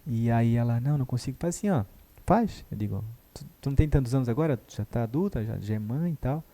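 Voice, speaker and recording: A man tells a story quickly, his voice soft and mellow. He acts out the lines of the people in it with animated energy. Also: medium pitch. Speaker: guest therapist. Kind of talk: conversational storytelling.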